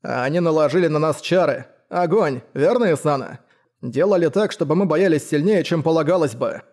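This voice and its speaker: A man voicing a calm, reasonable older steadholder who explains things in a measured way. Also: fairly high pitch, natural voice.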